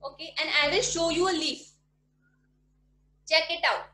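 At a moderate pace and a steady tone, she speaks in a very high, bright, forceful voice, with a little hiss or hum present. She is a primary school teacher from India teaching an online class from a small home room, patiently repeating questions to be sure pupils follow. Her laptop webcam mic at the desk gives echoey video-call audio.

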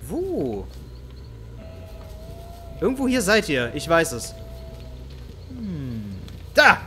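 A man's voice: on the high side, wildly swooping pitch, drawn-out words, pushed and bright, a little hiss or hum. A man giving playful, teasing let's-play commentary over a horror game, mock-taunting the characters he hunts. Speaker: gaming YouTuber.

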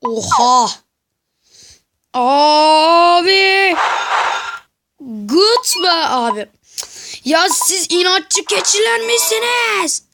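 A woman giving casual game commentary to viewers, excitable and yelling at the game in frustration. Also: very high voice, very slow. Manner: talks to viewers directly. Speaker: gameplay commentator. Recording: noisy background with mouse clicks.

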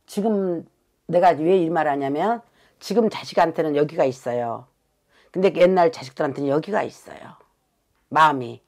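This woman's voice sits low and a little mellow, moving at a moderate pace as she tells fortunes; she's from Suncheon, South Jeolla, Korea. Her reading is blunt and insistent, peppered with swearing and repeated "right?" prompts for agreement.

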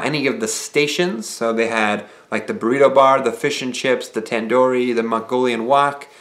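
A young man talking relaxed and conversational to the camera in a small living room, explaining things with casual filler phrases. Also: mid-range voice. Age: young adult. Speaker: vlogger. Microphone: camera mic, head-and-shoulders framing.

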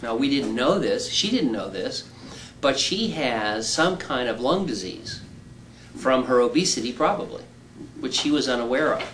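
Middle-aged surgeon explaining plainly. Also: male voice, mid-range voice, lively intonation, moderate pace, a bit bright, a little hiss or hum, poor audio. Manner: patient, plain-spoken, teacherly with homely examples. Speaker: weight-loss surgeon. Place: indoor room.

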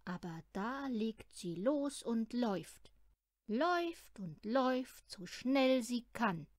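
Woman, children's storybook reading, expressive, slow, dry close sound. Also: a little high, dry recording. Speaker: storybook reader.

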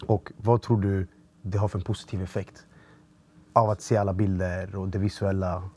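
A man with a low, husky voice asks his guest long, rambling questions, searching for words as he talks. He speaks in a relaxed, conversational way on a podcast. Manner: rambling, searching phrasing with fillers. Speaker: podcast host. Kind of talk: casual interview questions.

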